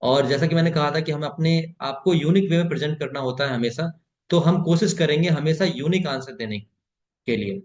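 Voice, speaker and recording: An Indian man on a video call teaching spoken English in an online class, explaining in Hindi and slowly repeating short English phrases for learners to copy. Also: a little high, reverberant. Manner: slow drawn-out repetition of phrases for learners.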